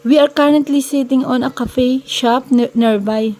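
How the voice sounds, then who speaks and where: A woman's voice: high voice, fairly even intonation, measured pace, warm tone. A woman narrating a first-person romance story in a conversational, mixed-language reading style.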